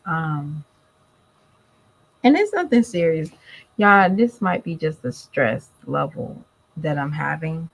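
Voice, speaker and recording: A tired, congested woman vlogger chats to camera, speaking directly to her viewers on a rough recording. Her low voice is expressive and slow, with vocal fry, and she pauses often.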